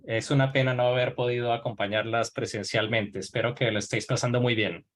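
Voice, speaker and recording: A man's voice: medium pitch, fairly even intonation, fast talker. A man chatting casually and informally as a remote participant at a symposium. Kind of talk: casual farewell chat.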